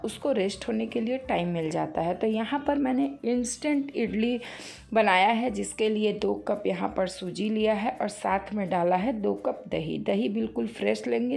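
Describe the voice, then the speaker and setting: A woman's voice: mid-range voice, vocal fry, darkish tone. A woman, a cooking channel host, giving a homely, explanatory recipe tutorial voice-over and talking straight to her viewers.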